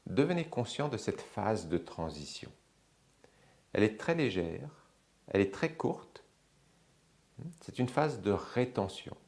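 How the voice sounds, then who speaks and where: A man teaching yoga, calmly guiding a slow breathing exercise with long pauses. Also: on the low side, vocal fry. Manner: slow, calm, measured guidance with long pauses. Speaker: yoga instructor.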